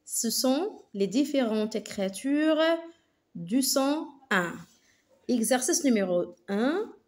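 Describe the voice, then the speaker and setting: Woman teacher, fairly high voice, very slow and deliberate, phonics for young kids. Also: darkish tone. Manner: slow, carefully articulated, repeats words twice. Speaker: primary school teacher.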